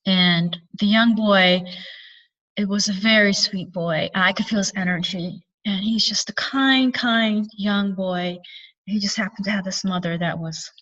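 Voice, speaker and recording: A woman's voice: medium pitch, steady tone, unhurried, a bit bright. A woman recounting a spiritual experience in an earnest, meandering way, often correcting herself. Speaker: spiritual channeler and speaker. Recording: distant, dull lo-fi sound.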